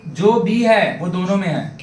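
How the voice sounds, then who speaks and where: A man's voice: high voice, expressive, measured pace, slight background noise. A man teaching a math class, quizzing his students constantly and asking for yes or no answers. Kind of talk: classroom lesson. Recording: echoey classroom taken from far off. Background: students in the room.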